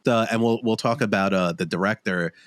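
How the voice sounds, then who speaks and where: Casting: male podcast co-host, lowish voice, dry close sound, loose rambling delivery. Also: fairly quick, clear, resonant tone, dry recording. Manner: rambling, restarts often, animated quotes. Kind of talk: casual film review chat.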